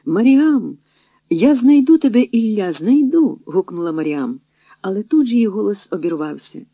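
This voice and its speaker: A narrator reads in a measured, dramatic way, in a voice of middle pitch. The sound is dry and close, squeezed through a tinny, phone-like band. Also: no echo. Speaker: audiobook narrator.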